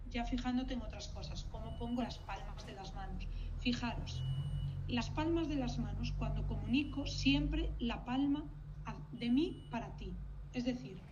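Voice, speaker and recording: Woman, university lecturer, expressive, a bit high, dull lo-fi sound, faint noise. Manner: expressive, addresses audience directly. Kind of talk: lecture to future teachers.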